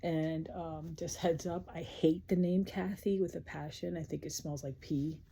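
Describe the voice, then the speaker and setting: A woman's voice: low-pitched, fairly even intonation, unhurried, gravelly, mellow, slight background noise. A middle-aged woman chatting casually at home late at night as she crochets, rambling and blunt and swearing freely. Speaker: crafting vlogger.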